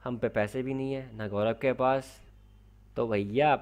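A man's voice: mid-range voice, fairly even intonation, unhurried, darkish tone. Guy narrating his vlog, chatty storyteller, faint noise behind. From India. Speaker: vlogger narrating. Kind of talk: casual vlog voice-over.

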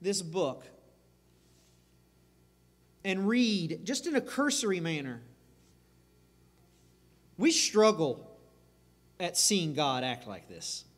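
A man's voice: sits high, big pitch swings, takes it slowly, long pauses. A man preaching a sermon as pastor, earnest and emphatic, circling back over phrases. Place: church sanctuary. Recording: reverberant church sanctuary.

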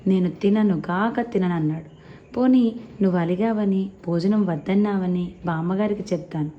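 A woman's voice: mid-range voice, moderate pace, a little hiss or hum, natural voice. A woman voicing a playful young wife who teases her husband, on a slightly dull recording. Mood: teasing. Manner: teasing, mischievous.

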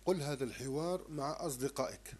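A man teaching a primary-school French lesson, slowly sounding out syllables and repeating them. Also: medium pitch, darkish tone, husky. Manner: slow, repetitive, sounds out syllables.

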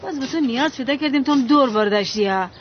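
An actress playing a chatty housemaid who bickers and talks quickly. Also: female voice, sits high, animated, a little hiss or hum. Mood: bickering. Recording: muffled film audio.

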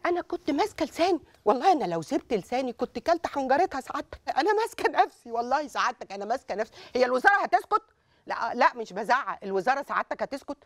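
An actress with an Egyptian accent playing a self-important, indignant middle-aged woman prison warden and mother in a TV comedy series. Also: a little high. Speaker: police brigadier, prison warden. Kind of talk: TV comedy drama acting.

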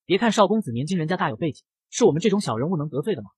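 A man reading a pushy middle-aged hotel manager in a comic recap, quick to scold. The reading is very fast and husky, with a dry sound. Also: fairly high pitch, very animated, darkish tone, no room sound, exaggerated voice.

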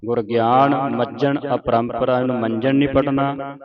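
A man teaching correct recitation of scripture, with quick explanations between slowly recited verses. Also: mid-range voice, fairly even intonation, muffled recording, crowd noise. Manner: quick instructive explanations, then slow drawn-out recited verses.

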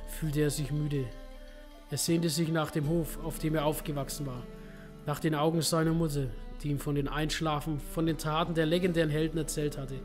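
A man hosting a game playthrough, reading in-game books aloud with small slips he corrects. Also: on the high side. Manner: reads narration steadily, with small slips and self-corrections. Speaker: let's play host.

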